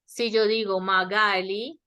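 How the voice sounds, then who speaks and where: A woman's voice: medium pitch, fairly even intonation, sharp tone, smooth. A woman teaching English grammar in an online class, speaking Spanish with a Latin American accent and often checking that students understand. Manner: slow, explanatory, checks understanding with repeated questions. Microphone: webinar headset or laptop mic.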